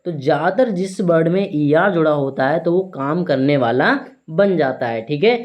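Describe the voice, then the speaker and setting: A male teacher giving an English vocabulary lesson in Hindi. He asks a question, answers it himself, and spells each word out slowly one letter at a time, with "theek hai" in nearly every sentence. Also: a little high, highs cut off. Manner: repeats "ठीक है" often.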